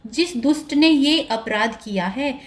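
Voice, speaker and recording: A woman's voice: high-pitched, lively intonation, measured pace. A woman narrator voicing a commanding male god-king. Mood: alarmed, stern. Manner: commanding, declarative. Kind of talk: storybook narration.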